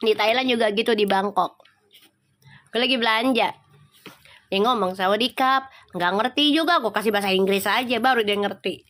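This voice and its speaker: A woman's voice: mid-range voice, normal speed, long pauses, a bit bright. A middle-aged woman with a Betawi Jakarta accent, chatting casually with viewers on a tarot live stream, teasing and laughing often.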